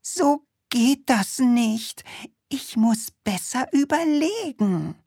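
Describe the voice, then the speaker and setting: A woman voicing a forgetful, flustered female witch in a storybook, chanting spells in a slow sing-song. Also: a little high, lively intonation, warm tone, breathy edge, no room sound, studio quality, pitched above the performer's own voice, heavily acted. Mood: scolding. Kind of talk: storybook reading.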